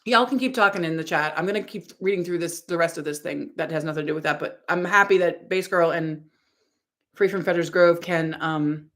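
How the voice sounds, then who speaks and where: A fairly low-pitched woman talks a little fast with a somewhat bright quality. In her forties, she's streaming live and reading out chat in a wandering way, full of fillers and restarts, in relaxed conversation.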